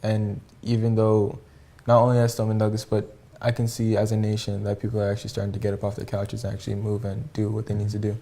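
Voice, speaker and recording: A man's voice: on the low side, completely flat delivery, quick pace, hardly any pauses, warm tone. A teenage male student, answering interview questions in a firm, determined way.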